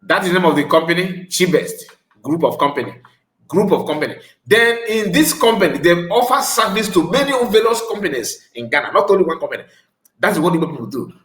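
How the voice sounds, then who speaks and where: A man's voice: high-pitched, expressive, fairly quick, a bit bright, echoey room. A man with a Nigerian West African accent giving informal, emphatic reaction commentary, repeating phrases for stress. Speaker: online video commentator.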